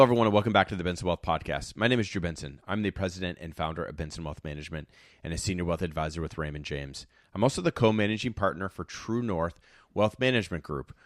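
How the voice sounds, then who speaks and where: A man's voice: sits low, no echo, clean studio sound. A man hosting a podcast interview, upbeat and laughing easily with his guest. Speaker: podcast host.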